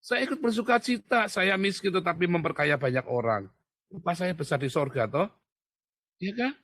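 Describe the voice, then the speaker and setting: Forceful, mocking male livestream ranter. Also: fairly high pitch, no room sound, studio quality. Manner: animated and mocking, often addressing listeners as brothers. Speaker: livestream commentator. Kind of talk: fiery livestream monologue.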